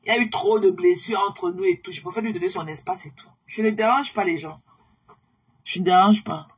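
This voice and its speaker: A woman's voice: mid-range voice, big pitch swings, brisk, slightly rough. A tired woman chatting casually to her viewers on a live stream, repeating herself and slipping English phrases into her talk.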